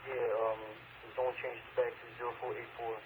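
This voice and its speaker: A man's voice: mid-range voice, monotone, moderate pace. A man, a police officer, calling in over police radio with terse codes and numbers. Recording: tinny police radio with static.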